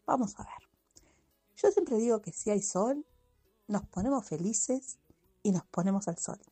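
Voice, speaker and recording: A woman's voice: mid-range voice, expressive, unhurried, dark tone, husky, dry recording, soft background music. A woman doing a chatty radio segment, talking directly to the listeners. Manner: chatty, friendly, addresses listeners. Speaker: radio contributor.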